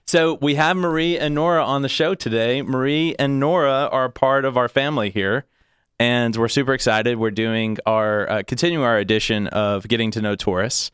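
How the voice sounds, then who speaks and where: A man hosts a casual workplace podcast, teasing his guests and laughing often. His voice is smooth and clear. The sound is close and dry with no room around it. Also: mid-range voice, moderate pace, fairly bright tone, no room sound. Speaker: podcast host. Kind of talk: casual chat.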